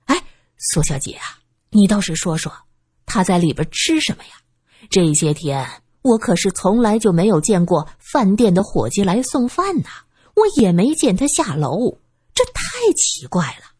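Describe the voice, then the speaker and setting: A woman's voice: mid-range voice, big pitch swings, moderate pace, darkish tone, slightly rough, no echo. A woman voicing a fussy, nervous male building manager who chatters anxiously and tries to dodge blame. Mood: worried.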